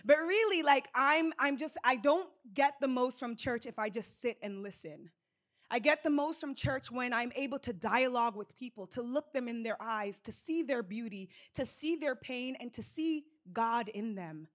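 A young adult woman from Jamaica, a church elder, sharing her testimony in a relaxed, conversational way with frequent fillers. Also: fairly high pitch, normal speed. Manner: conversational, rocking back and forth, frequent fillers. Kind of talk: sermon testimony. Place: church service.

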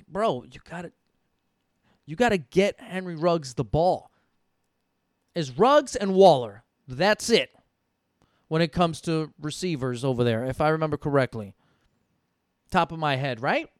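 A young man talks through his fantasy football draft out loud, swearing freely and going back and forth with himself. His voice sits a bit high for a man and sounds smooth and clean. The mic is close and dry, with no room sound. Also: expressive, a little slow, long pauses, dry recording. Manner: thinking aloud, swearing, talking himself in and out of picks. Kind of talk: casual live draft commentary.

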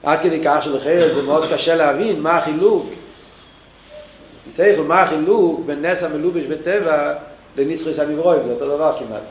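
High-voiced man teaching in an echoey room. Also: slight background noise. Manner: thinks aloud with many restarts. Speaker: Torah teacher.

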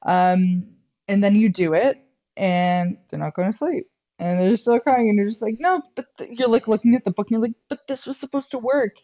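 A woman guest on a podcast, chatting casually and telling lively stories, acting out quotes and laughing often. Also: medium pitch, normal speed. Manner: animated storyteller, acts out quotes, laughs often. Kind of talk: casual interview chat. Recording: dull lo-fi sound.

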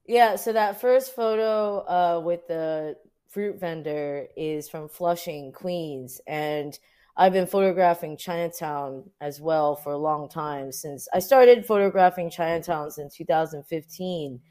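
An American photographer from Orange County speaks in a low, warm, unhurried voice. She's being interviewed and talks casually, thinking aloud as she goes.

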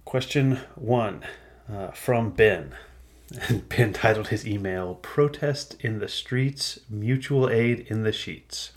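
A male podcast host answering listener questions in a loose, unscripted monologue, chatty and animated, often laughing mid-sentence. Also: medium pitch.

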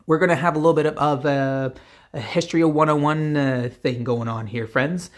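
A man's voice: on the high side, steady tone, moderate pace. A man hosting a casual solo podcast, talking in a loose, rambling way with many "uh"s and restarts. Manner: rambling, frequent filler words and restarts. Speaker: podcast host. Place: Canada.

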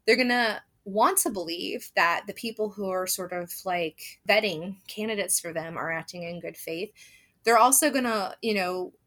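A woman guest talking earnestly and quickly about politics, with many fillers such as like and you know. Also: mid-range voice, fairly bright tone. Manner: earnest, rapid, filler-heavy. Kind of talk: casual political discussion.

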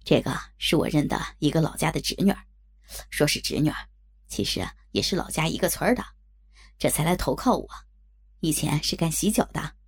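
A woman doing a low, coaxing middle-aged boss. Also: lively intonation, a little fast, slightly rough, heavily acted. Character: smooth-talking middle-aged male boss.

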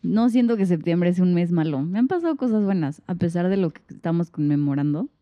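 A woman's voice: fairly low pitch, animated, brisk, no echo, muffled recording. A young woman co-hosting a casual podcast chat in an easygoing manner, laughing often. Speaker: podcast co-host.

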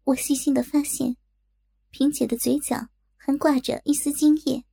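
A woman narrating a first-person audiobook story in a smooth, confiding way. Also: sits high, level tone, normal speed, dark tone.

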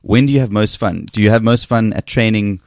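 A man hosting a podcast, asking relaxed, rambling questions. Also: on the low side, fairly quick, no echo. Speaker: podcast host. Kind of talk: casual podcast chat.

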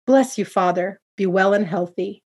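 A woman voicing a young man who becomes a mountain robber, speaking earnestly and forcefully. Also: mid-range voice, normal speed, husky. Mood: proud. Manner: earnest, pleading then commanding.

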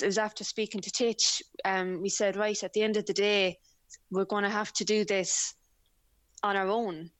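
A woman's voice: mid-range voice, no room sound. Chatty woman, west of Ireland accent. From County Leitrim, Ireland. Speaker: interview guest, amateur cyclist. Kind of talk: casual conversational storytelling.

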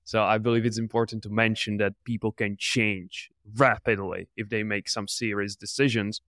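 A man's voice: on the low side, level tone, moderate pace, fairly bright tone, dry recording, studio quality. A man in his twenties from the Czech Republic, an entrepreneur answering interview questions in an earnest, motivational way. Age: 20s. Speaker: podcast guest, entrepreneur.

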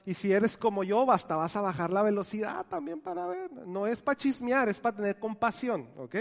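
A man preaching a sermon as pastor, dropping to soft near-whispers and swelling loud again, asking his congregation questions and having them repeat words. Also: sits high, sing-song, normal speed, gravelly, long reverb tail.

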